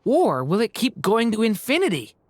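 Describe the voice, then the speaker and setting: A lively low-voiced woman. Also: normal speed. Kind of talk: video game voice acting.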